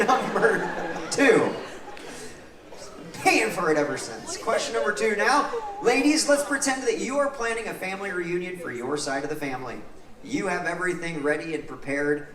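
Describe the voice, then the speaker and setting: A man hosting a game show in lively banter with a live audience, jokey and teasing. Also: on the high side. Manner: jokey, teasing, playing to the crowd. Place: large echoing venue with live audience. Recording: roomy, distant mic, noisy audience. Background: crowd noise and laughter.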